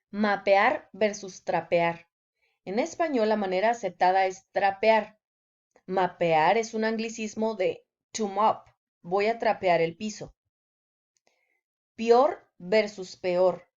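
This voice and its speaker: Female teacher, measured scripted lesson delivery, slow pace, slightly muffled recording. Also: mid-range voice, a little mellow. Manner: slow, deliberate delivery with example sentences. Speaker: language teacher.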